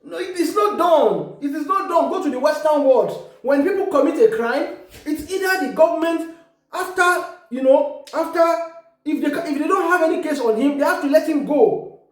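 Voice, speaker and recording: An online commentator from Ekiti, Nigeria, speaks English as a second language with a Yoruba accent, delivering an emphatic opinion monologue in a high, expressive voice at a moderate pace. She repeats words and restarts frequently, and the room is very echoey.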